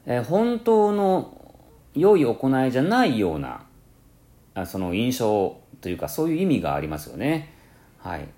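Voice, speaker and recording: A man from Kansai with a Kansai-tinged accent mixed with standard speech, hosting a casual solo radio talk, rambling with many fillers and self-corrections. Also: moderate pace. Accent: Kansai mixed with standard Japanese. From Kansai, Japan. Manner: lively rising and falling pitch. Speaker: podcast host.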